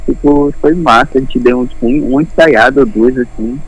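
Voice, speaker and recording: Husky Brazilian man on a phone call. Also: mid-range voice, moderate pace. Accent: Brazilian Portuguese. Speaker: interview guest. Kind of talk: casual slangy phone chat.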